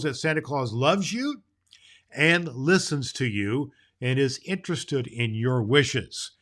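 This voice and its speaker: A man's voice: medium pitch, fairly bright tone. A man playing a jolly, grandfatherly old Santa Claus, hosting a children's show in a folksy, emphatic way. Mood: jolly, kindly. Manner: folksy, emphatic, drawn-out phrases with hearty ho-ho-hos. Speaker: show host.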